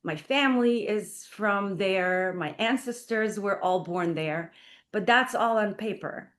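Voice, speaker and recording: She's a playwright and performer from Israel, a guest on talk radio, talking slowly at medium pitch with a fairly bright tone. Her earnest answers in the radio interview are sprinkled with "like" and "you know," captured through a studio microphone.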